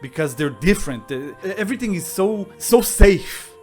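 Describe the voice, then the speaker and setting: Male podcast co-host, raised pitch, swears freely while ranting, faint music underneath. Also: sing-song, normal speed, a little mellow. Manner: profane, exasperated ranting. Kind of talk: casual podcast chat.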